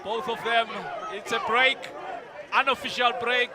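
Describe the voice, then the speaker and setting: A man's voice: very high-pitched, steady tone, unhurried. A man calling a boxing match as live commentary. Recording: live event, music and crowd noise. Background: music and crowd.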